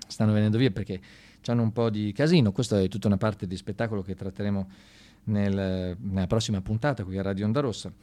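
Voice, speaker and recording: A man with a lowish, dark, steady voice talks fast in a radio studio. A monologue performer and storyteller, he delivers an informal satirical piece straight to listeners, ironic and mock-enthusiastic, in colloquial language.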